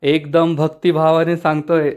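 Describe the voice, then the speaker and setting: A man voicing a threatening middle-aged village man who gives slow, menacing warnings. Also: fairly high pitch, flat delivery, a little mellow, smooth, lightly acted.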